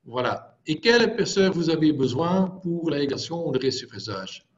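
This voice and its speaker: A man who is not a native French speaker, presenting technical material in halting French with a foreign accent. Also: fairly high pitch, very animated. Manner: halting, filler-heavy non-native phrasing. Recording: dull lo-fi video call audio.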